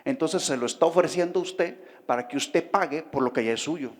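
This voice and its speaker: A man's voice: a little high, a little fast. Man preaching in a reverberant hall. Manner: conversational preaching with questions to the congregation. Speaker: pastor. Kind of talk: sermon. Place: church hall. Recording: reverberant hall with faint music behind.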